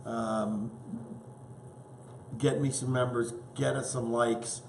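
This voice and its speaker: A man's voice: medium pitch, flat delivery, slow pace, gravelly, echoey room, slight background noise. A man hosting a casual home cooking show, chatting eagerly as he tastes his dish. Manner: enthusiastic, chatty, tasting food as he talks.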